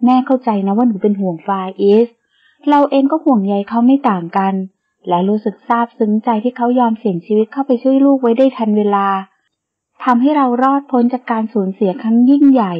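A woman reading an audio novel, voicing a caring middle-aged mother who talks in a gentle but firm, soft, lowered voice. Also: a little fast, breathy edge, lo-fi sound.

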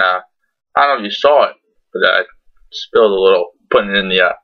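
A young man chatting casually to camera in a laid-back, sweary, rambling review, his words slightly muffled by a lip full of dip. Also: medium pitch. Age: young adult. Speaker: tobacco product reviewer. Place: small bedroom, indoors. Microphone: computer webcam at arm's length. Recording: dull lo-fi webcam audio.

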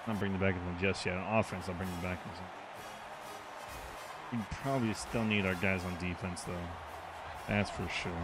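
Excitable man commenting on a football game. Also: low voice, brisk, long pauses, over loud music. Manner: excitable, reacting to plays aloud. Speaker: gaming channel host.

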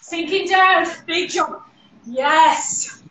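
A woman with an Irish accent leading a live workout class over a video call, energetic, counting down reps and cheering people on. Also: extremely high pitch, very slow, echoey room, slight background noise, low-quality recording. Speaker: fitness instructor.

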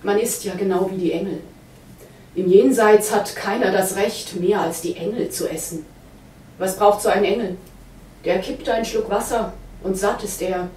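A woman's voice: medium pitch, steady tone, normal speed, darkish tone, a little hiss or hum, natural voice. Brief: sly, mock-solemn male trickster, read by a woman, roomy hall, mic far off. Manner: mock-solemn, wheedling storyteller. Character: sly wandering male trickster posing as heavenly messenger.

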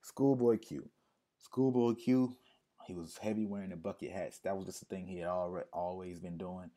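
Low, mellow-voiced man explaining casually. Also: little pitch movement, a little fast. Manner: conversational, repeats key points for emphasis. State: losing his voice. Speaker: music marketing consultant.

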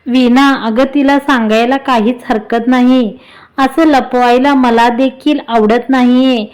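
A woman voicing a calm, worried middle-aged father in a read-aloud story. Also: high-pitched, unhurried. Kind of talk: storybook reading.

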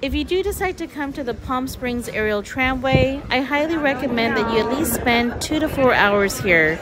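A woman narrating her travel vlog, calmly giving viewers tips. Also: sits high, moderate pace. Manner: informative, recommending tips. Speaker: travel vlogger. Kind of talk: voice-over narration.

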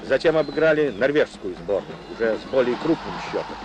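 A man's voice: medium pitch, big pitch swings, fairly quick, muffled recording. A man narrating an old newsreel in a formal, declamatory reporting manner. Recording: narration over loud music.

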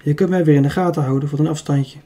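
A man reading an audiobook, voicing a self-assured young woman who calmly argues her plan. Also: on the high side, quick pace, lightly acted. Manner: calm, persuasive. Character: very young woman, confident and clever.

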